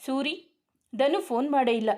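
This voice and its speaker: A heartbroken young wife from a spoken romance, pleading and longing, read by a woman. Her voice sits fairly high and sounds tearful. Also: animated, moderate pace, darkish tone.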